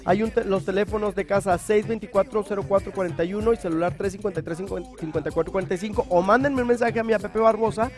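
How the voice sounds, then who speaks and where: A man's voice: high-pitched, steady tone, fast talker, few pauses, a little mellow, soft background music. A man hosting a live morning TV show, chatty and affectionate as he reads out viewer greetings. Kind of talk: casual live TV chat.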